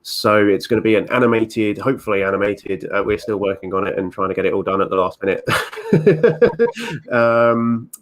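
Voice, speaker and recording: A man with a lowish voice talks casually as a guest over a remote call. He hesitates often and fills the gaps with ums, then picks his thought up again. He restarts his sentences freely and keeps a friendly, easygoing tone. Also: steady tone, fast, hardly any pauses. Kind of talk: casual chat.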